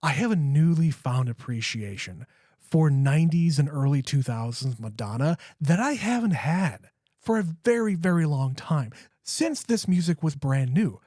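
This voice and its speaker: A man's voice: a little high, sing-song, moderate pace, dark tone, no echo, clean studio sound. A man in his late thirties co-hosting a podcast, chatting casually, swearing freely and restarting his sentences. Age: 30s. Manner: profane, enthusiastic, stammering restarts. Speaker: podcast co-host. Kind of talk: casual chat.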